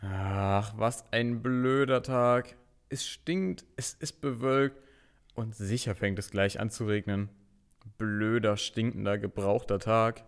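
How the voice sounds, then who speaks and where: Grumpy, sulky young boy who complains nonstop, a man doing the voice in a kids' audio play; smooth, clear tone. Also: fairly low pitch, a little slow. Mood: grumbling. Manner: grumbling, sulky, constantly complaining. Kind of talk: children's audio drama acting.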